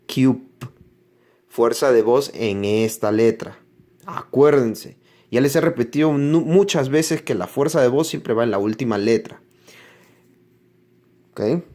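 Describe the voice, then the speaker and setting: A man's voice: medium pitch, darkish tone. A man teaching English pronunciation in a classroom-style lesson, explaining patiently and repeating each example word several times.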